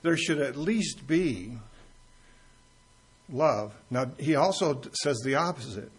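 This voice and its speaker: A man's voice: medium pitch, lively intonation, slow pace, breathy edge. A man preaching a teaching sermon in a church, conversational and joking with the congregation as he tells stories. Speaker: pastor. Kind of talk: expository sermon with anecdotes.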